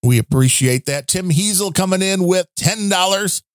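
A man's voice: high voice, animated, moderate pace, dry recording, studio quality. A man co-hosting a podcast, reading out listener donations in casual, rambling chat with wry asides. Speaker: podcast co-host.

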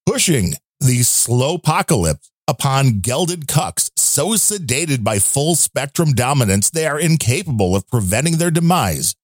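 A man doing a grumbling male letter-writer, read in a lowered, subdued, mock-serious voice. The sound is dry, close and without room echo. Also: very animated, a little slow, few pauses. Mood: ranting.

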